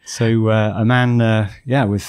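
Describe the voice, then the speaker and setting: A man's voice: on the low side, level tone, measured pace, a little mellow, clean tone. A man hosting a casual podcast chat, hesitant with many fillers. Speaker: podcast host.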